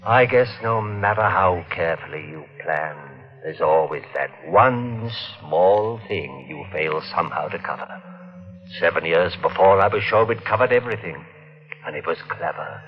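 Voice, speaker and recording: In a 1950s radio drama, an actor plays a cold, scheming husband narrating his own crime in a hard, curt, sardonic way. His male voice is low-pitched and animated at a normal speed, and the vintage recording sounds dull.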